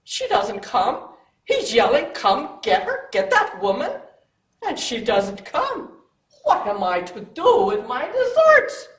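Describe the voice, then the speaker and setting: A woman's voice: a little high, huge pitch swings, slow pace, roomy sound, far from the mic, heavily acted. An actress playing a frantic royal chief chef who wails melodramatically over her fallen desserts. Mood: distraught. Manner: melodramatic, wailing.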